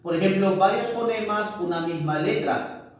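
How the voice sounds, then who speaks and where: A male teacher giving a classroom lesson, often checking in with tag questions and pausing with fillers. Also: high-pitched. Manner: hesitant, with many fillers. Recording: echoey room, far from mic.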